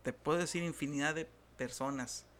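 Animated northern Mexican pastor storyteller. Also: male voice, fairly high pitch, a little fast, slight background noise. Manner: animated storyteller acting out quoted voices. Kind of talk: telling stories in a talk-show interview.

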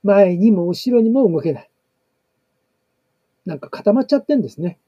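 A man reading a family blog story aloud, in a slow, measured way with pauses. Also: high voice, expressive, dark tone, no room sound, muffled recording. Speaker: narrator.

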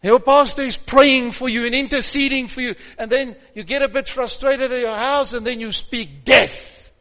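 A man preaching a sermon, calling out to his congregation and building to shouts. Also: extremely high pitch, fairly even intonation, normal speed, lo-fi sound. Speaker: pastor.

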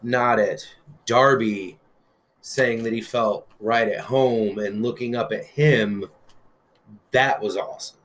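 A man's voice: on the low side, slow pace. A man co-hosting a casual wrestling news chat, an eager fan who talks with lots of "um" fillers and the odd curse word. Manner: excited fan talk with frequent "um" fillers and some cursing. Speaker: podcast co-host.

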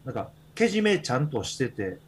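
With a medium-pitched voice that swings widely in pitch, a podcast host with a Kansai Japanese accent tells rambling, filler-heavy stories in casual chat at a fairly quick pace. A little hiss or hum sits under the recording.

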